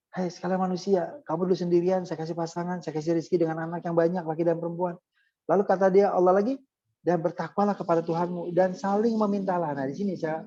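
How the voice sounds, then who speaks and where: A man giving a casual religious talk as a preacher, lively and chatty, speaking straight to his listeners. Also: on the high side, dull audio. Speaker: Islamic preacher.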